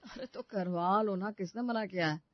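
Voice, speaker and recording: A woman's voice: mid-range voice, normal speed, close to an everyday voice. A woman voicing a defensive young husband. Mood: placating. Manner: defensive, placating and exasperated. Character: young husband caught between wife and mother. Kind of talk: animated family story voice acting. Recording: dry, slightly dull studio recording.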